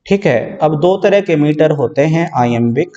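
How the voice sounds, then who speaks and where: A man's voice: a little high, lively intonation, measured pace, warm tone, lo-fi sound. A male English teacher giving an exam-prep lecture, explaining step by step and repeating key words as he checks that students follow. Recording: distant mic in a reverberant room.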